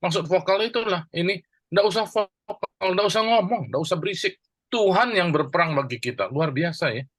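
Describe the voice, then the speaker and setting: A man's voice: sits high, lively intonation, fairly bright tone, dry recording. A man teaching a Bible verse in a church class, explaining it word by word and asking and answering his own questions. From Indonesia. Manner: slow and deliberate with many pauses. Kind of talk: teaching a Bible verse, mixing two languages.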